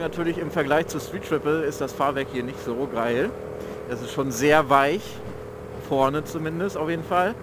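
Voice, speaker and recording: Fairly high in pitch, a young motovlogger gives slangy, unpolished commentary on his motorcycle mid-ride, often reaching for words. The recording comes from a mic inside his helmet and carries engine, road and traffic noise.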